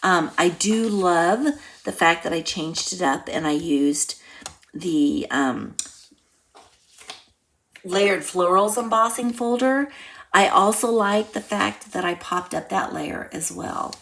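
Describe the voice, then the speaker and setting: Gravelly-voiced woman chatting through a craft demo. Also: lowish voice, lively intonation, takes it slowly. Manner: chatty, thinks aloud while working; drops to soft near-whispers while concentrating. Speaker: craft instructor. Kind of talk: casual card-making tutorial.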